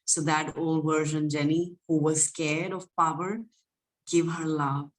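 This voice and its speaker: A woman spiritual coach guiding listeners in a livestream, speaking softly and emotionally, at times teary, with flowing, repetitive phrasing. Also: sits low, level tone, measured pace, a little hiss or hum, poor audio.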